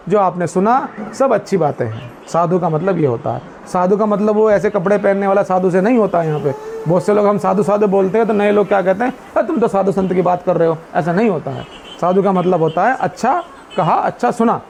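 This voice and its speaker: A man speaking to a seated community meeting about Buddhist teachings, putting questions to his listeners and answering them himself, and chanting Pali verses slowly. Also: high-pitched, gravelly, a little mellow, a little hiss or hum. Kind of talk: explanatory talk to a seated group.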